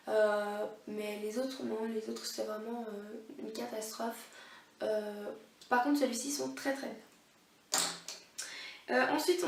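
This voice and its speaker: A woman's voice: a little high, gravelly. A young woman reviewing makeup brushes in a casual, hesitant way, with many fillers and restarts. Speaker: beauty vlogger. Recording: echoey room, voice a bit far from mic.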